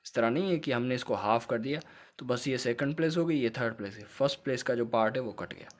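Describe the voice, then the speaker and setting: A man's voice: medium pitch, fast. A man teaching shorthand in a recorded lecture, explaining patiently, repeating points and checking that students follow.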